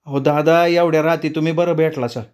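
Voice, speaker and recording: A man's voice: on the high side, little pitch movement, a little fast, a little mellow, clear, resonant tone, voice pushed up, natural voice. A man voicing a strange, eerie young pregnant village mother who talks in a rustic village way. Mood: calling. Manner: rustic village speech, odd mad laughter.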